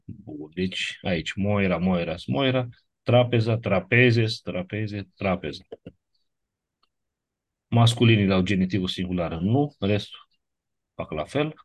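A man's voice: fairly low pitch, pauses often. Methodical male teacher reviewing grammar. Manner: methodical, checks with short tag questions. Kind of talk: classroom lecture reviewing grammar.

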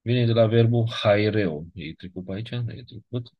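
A lowish, husky male voice leads an online biblical Greek lesson, with no echo but rather dull audio. He explains methodically and pauses often to check on his listeners.

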